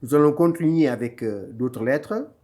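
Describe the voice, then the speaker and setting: A man's voice: medium pitch, moderate pace, warm tone, a little hiss or hum. A man teaching a Quran reading lesson, patiently repeating each letter sound and explaining where it is made in the mouth. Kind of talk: slow online lesson.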